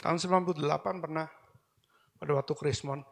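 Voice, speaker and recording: A middle-aged male pastor delivering an animated sermon, slipping English phrases into his talk. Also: a little high, quick pace, vocal fry.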